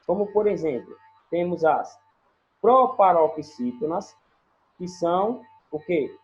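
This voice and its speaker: A teacher with a Brazilian accent giving a recorded online grammar lesson, explaining in a measured way and listing examples word by word. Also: medium pitch, mellow. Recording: dull lo-fi recording with faint music.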